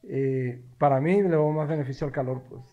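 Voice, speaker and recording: A man's voice: medium pitch, a little fast, highs cut off. A young man co-hosting a casual podcast chat, easygoing and laughing along. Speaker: podcast co-host.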